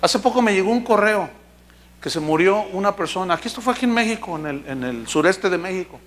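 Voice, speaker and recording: A man's voice: high-pitched, lively intonation, fast, fairly bright tone, slight background noise. A middle-aged man with a Mexican accent preaching a sermon as pastor, telling stories with humor and acting out the voices of the people in them. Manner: storytelling preacher who acts out quoted voices with humor.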